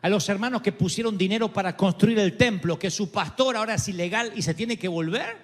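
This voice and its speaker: A male pastor preaching a passionate sermon, telling a story and rising to shouts in a large church. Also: high-pitched, fairly quick. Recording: long hall reverb, faint music.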